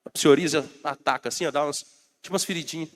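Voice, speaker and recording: A pastor preaches very fast in a fairly high male voice with a Brazilian Portuguese accent. He has a bad cold yet keeps rousing his congregation and calling out to them.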